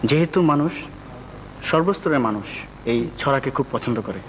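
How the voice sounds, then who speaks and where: A man with a Bangladeshi accent giving measured, explanatory answers as a guest in a television studio interview. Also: mid-range voice, animated. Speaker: doctor and rhyme poet, interview guest. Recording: noisy old TV studio tape.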